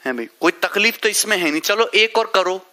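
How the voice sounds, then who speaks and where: A man's voice: sits high, lively intonation, a little fast, sharp tone. A male math teacher, leading a live online class, working through sums step by step and teasing students by name.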